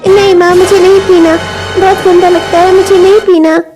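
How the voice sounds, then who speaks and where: A woman's voice: very high-pitched, little pitch movement, normal speed, over music. A woman voicing a fussy little boy in a cartoon, whining and pleading. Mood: whiny. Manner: whiny, pleading. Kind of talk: cartoon dubbing.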